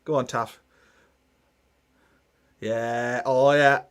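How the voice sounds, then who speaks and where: A man's voice: medium pitch, fairly even intonation, very slow, fairly bright tone, clean tone. A man hosting a football watchalong, chatting casually about the match, teasing and cheering.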